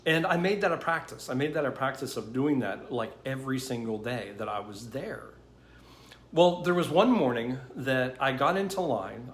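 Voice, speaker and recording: A man's voice: mid-range voice, a bit bright. Conversational man telling a story, roomy sound. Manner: conversational, repetitive, with frequent "you know" and "okay?". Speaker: host. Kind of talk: storytime monologue. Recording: roomy with faint background noise.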